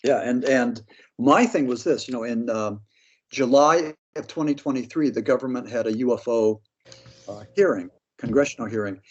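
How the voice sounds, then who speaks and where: A blunt American man from Pennsylvania, a paranormal author, talks as an interview guest. His mid-range, slightly rough voice moves at a normal speed, and he sounds skeptical and slangy, giving casual opinions. The audio is dull and lo-fi.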